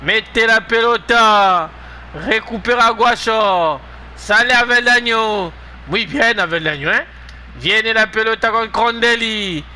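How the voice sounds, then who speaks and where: A man giving excited play-by-play football commentary of a video game match, given to shouted, repeated goal calls. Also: sits high, takes it slowly, slight background noise.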